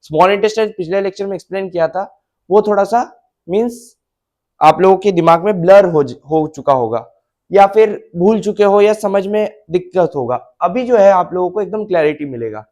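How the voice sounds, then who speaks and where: A man's voice: sits high, animated, moderate pace, a little mellow. A male biology teacher lecturing at a board, mixing Hindi and English, repeating key terms and checking that students follow.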